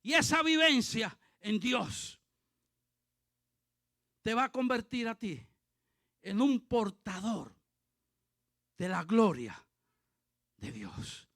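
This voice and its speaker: A male pastor preaching a fervent sermon, dotting it with hallelujahs and rising to shouts. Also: high-pitched, very animated, slow, vocal fry, long pauses, no room sound, studio quality. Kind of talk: impassioned sermon.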